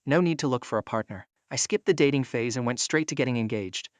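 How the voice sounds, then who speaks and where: A man's voice: mid-range voice, quick pace, dry recording, natural voice. A man reading the lines of a blunt, exasperated young woman heiress in a story recap, matter-of-fact.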